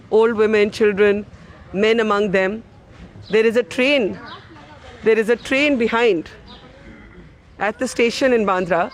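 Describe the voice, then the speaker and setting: A man's voice: high-pitched, a little hiss or hum. A man reporting earnestly from an outdoor railway station and interviewing an elderly woman. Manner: earnest, measured. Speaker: news reporter. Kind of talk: field news report.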